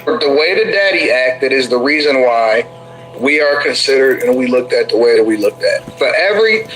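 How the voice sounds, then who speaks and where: A man's voice: mid-range voice, lively intonation, moderate pace, fairly bright tone, soft background music, rough recording. A man in his forties from Detroit, arguing insistently on a panel and repeating his points. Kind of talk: heated panel debate.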